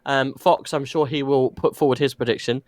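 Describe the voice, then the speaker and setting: A man's voice: medium pitch, fairly even intonation, normal speed, a little mellow, dry recording, clean studio sound. A man co-hosting a casual racing podcast, jokey and playful, swearing now and then. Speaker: podcast co-host.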